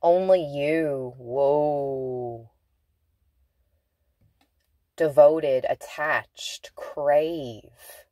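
A woman does a casual tarot reading, talking slowly in a lowish voice. She chats and laughs, leaning hard on drawn-out words. The sound is close and dry, recorded inside a car. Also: warm tone, no echo. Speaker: tarot reader.

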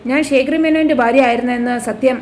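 Cold scheming villain lady, a woman reading her lines, high voice, menacing, serial retelling. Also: steady tone, quick pace, darkish tone, lightly acted. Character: scheming ruthless middle-aged woman villain.

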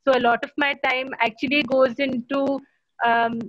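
A woman in her thirties with an Indian English accent, speaking as a panelist in an online discussion, pausing often with fillers and restarts. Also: high voice, level tone, fairly bright tone, no room sound. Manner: hesitant, many fillers and restarts. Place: home room. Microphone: laptop webcam on a video call. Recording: muffled video-call audio.

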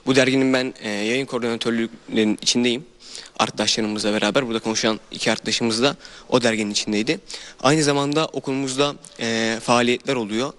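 A teenage boy, a high school student, answering interview questions politely and with some hesitation. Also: fairly even intonation, fast talker, fairly bright tone. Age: teens.

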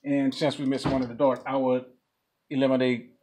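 An upbeat man in his forties chats to the camera outside his home, his voice at an ordinary middle pitch. He explains things easily and laughs along the way. A faint outdoor noise sits under the voice. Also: little pitch movement, brisk, warm tone. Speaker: vlog co-host. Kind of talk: casual vlog chat. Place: outdoor patio and garage of a home. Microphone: camera a few feet away.

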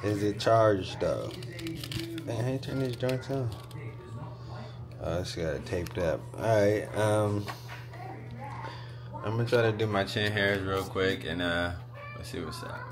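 A man's voice: lowish voice, measured pace, pauses often. A man in his thirties chatting casually to his vlog in a laid-back, slangy way, recorded on a handheld phone. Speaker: vlogger and father. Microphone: phone at arm's length.

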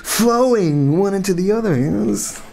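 A man's voice: sits high, lively intonation, normal speed, vocal fry, darkish tone, faint music behind. An actor playing a laid-back young man who rambles and giggles about life. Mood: rambling. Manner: giggly, rambling, filler-heavy. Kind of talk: radio drama acting.

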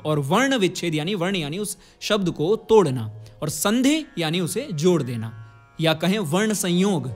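High-voiced man teaching a singing lesson. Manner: explains step by step, then chants vowel drills. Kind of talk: vocal lesson.

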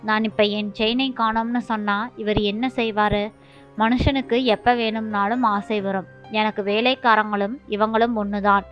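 A contemptuous, haughty young wife, read by a woman storyteller, her tone cold and dismissive, on a dull lo-fi recording with soft music underneath. She sneers at her in-laws. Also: mid-range voice, steady tone, normal speed, natural voice. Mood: scornful. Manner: scornful, contemptuous. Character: arrogant haughty young daughter-in-law.

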